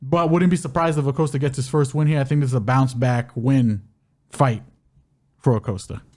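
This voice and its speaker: A man co-hosting a podcast, talking through fight bets in a relaxed, animated way, laughing often. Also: mid-range voice, normal speed. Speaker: podcast co-host. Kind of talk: casual sports betting chat.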